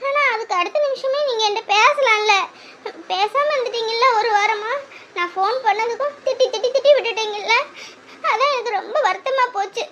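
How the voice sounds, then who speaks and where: Woman doing a sulking young wife, very high voice, reproachful, dull lo-fi sound. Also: noisy background. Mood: hurt. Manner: reproachful, laughing through complaints. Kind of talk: Tamil audio drama.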